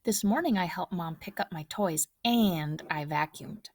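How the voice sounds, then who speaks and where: Woman gently reading a picture book. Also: lowish voice, unhurried, a little hiss or hum. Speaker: storybook reader.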